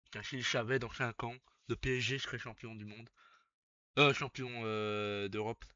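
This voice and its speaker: A young man, chatting casually on a live stream as he reacts, swearing and breaking into loud laughs. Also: medium pitch, fairly even intonation, moderate pace, no echo, highs cut off. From Belgium.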